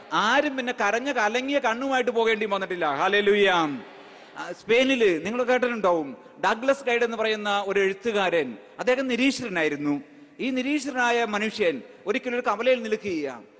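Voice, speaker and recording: Priest guy preaching hard, high voice, lots of hallelujahs, long echo in the hall. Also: animated, brisk, fairly bright tone. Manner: emphatic, frequent hallelujah calls and rhetorical questions. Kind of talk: sermon.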